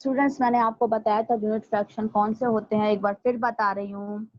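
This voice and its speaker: A woman school teacher, patiently explaining a maths lesson step by step and slowing down to repeat things for her students. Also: a little high, fairly even intonation, a little mellow, no room sound. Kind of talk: recorded online maths lesson. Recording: dry, dull lo-fi home recording.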